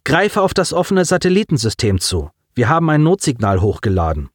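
A male narrator voicing a calm ship officer in a sci-fi audiobook, giving orders. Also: medium pitch, a little fast, no room sound, clean studio sound, voice pushed up. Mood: commanding. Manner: commanding, calm.

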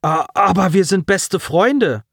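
Man playing a high, pleading young cadet, defensive and baffled, audiobook. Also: big pitch swings, takes it slowly, no room sound, studio quality, full character voice.

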